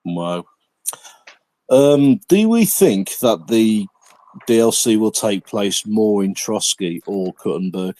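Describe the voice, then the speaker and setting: A man's voice: on the low side, animated, slow, warm tone, no echo. A man hosting a casual podcast, chatty and often repeating words as he starts a sentence. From England. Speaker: podcast host. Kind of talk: casual chat.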